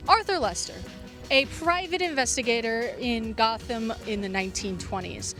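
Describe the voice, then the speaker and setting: A woman's slightly high voice comes across pushed and bright as she presents a scripted video essay about fiction podcasts. She drops in casual asides, dramatically emphasizes key phrases, and has music running underneath.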